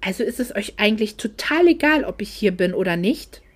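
A woman's voice: medium pitch, expressive, fairly quick, lightly acted. A woman reading as a hurt, furious young daughter. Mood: hurt, angry. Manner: emotional, indignant outbursts. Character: hurt, angry young woman home for Christmas.

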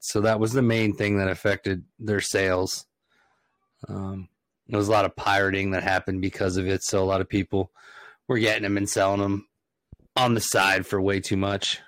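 A man co-hosting a casual podcast in a lowish voice. He rambles with plenty of fillers and jokes. The recording is dry and close. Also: no echo. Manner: rambling, filler-heavy, jokey. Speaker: podcast co-host. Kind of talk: casual chat.

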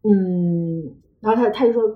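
A woman co-hosting a casual podcast, telling stories in a quick, animated way and asking rhetorical questions. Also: medium pitch, muffled recording. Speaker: podcast co-host.

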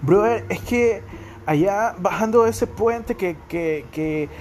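Man doing a snobbish rich young man, Guayaquil accent, drawling, pitched up. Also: slow, darkish tone, a little hiss or hum. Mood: snooty. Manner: drawling, says brother a lot. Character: posh rich young man from a gated suburb.

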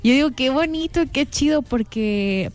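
A woman's voice: sits high, expressive, a little slow, a little mellow. A young woman with a Mexican accent, co-hosting a casual panel chat and thinking aloud with frequent fillers. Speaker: podcast co-host.

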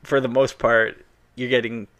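A man's voice: mid-range voice, flat delivery, normal speed, fairly bright tone. Man explaining sports rules. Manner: explains at length, chuckles, talks over his co-host. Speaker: podcast co-host. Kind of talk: casual film chat.

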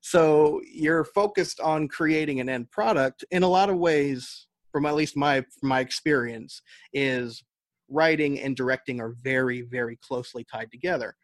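This podcast guest, an American novelist and audio drama writer, describes his work in a relaxed, conversational way, reasoning out loud. His voice sits in the middle range at a moderate pace, and the recording has no room sound.

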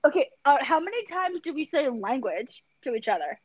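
A woman's voice: sits high, sing-song, a little fast, no room sound. A woman co-hosting a podcast in casual chat, teasing and sweary, laughing often. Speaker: podcast co-host.

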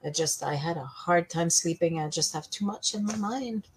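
A woman's voice: on the low side, moderate pace, husky. Tired woman chatting casually. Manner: rambling, with many restarts and fillers. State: tired and yawning. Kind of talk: casual chat.

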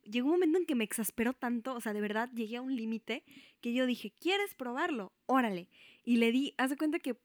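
A Mexican woman tells a childhood story in relaxed conversation, her voice set a little high. She jumps up and down in pitch to act out what each person said, and she keeps a lively, chatty pace. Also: quick pace, dry recording, studio quality. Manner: animated, acts out quotes with big pitch jumps. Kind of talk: casual storytelling chat.

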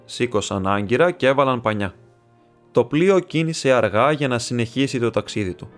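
A man narrating a classic short story in a calm, even reading voice, with faint music behind. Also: mid-range voice. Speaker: audiobook narrator.

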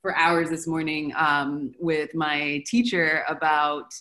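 A woman hosting an interview in a relaxed conversational way. She thinks aloud and reflects, with plenty of fillers. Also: deep voice, takes it slowly. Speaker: interview host.

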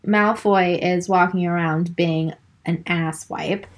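A woman's voice: fairly low pitch, fairly even intonation, slow. A woman co-hosting a casual book podcast, reading narration aloud and cracking wry, profane asides. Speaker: podcast co-host.

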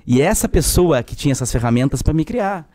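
A man in his forties with a southern Brazilian Portuguese accent, telling a story with a frank, animated delivery. His voice sits a little high for a man. It was recorded close and dry, with no room sound. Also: a little fast, dry recording. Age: 40s. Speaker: podcast guest, public defender. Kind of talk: casual storytelling.

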